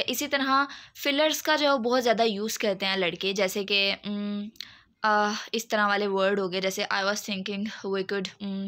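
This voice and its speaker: Bright-voiced woman tutor. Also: mid-range voice. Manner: explains step by step, repeats "theek hai" often. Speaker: online tutor. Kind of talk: exam-prep lecture.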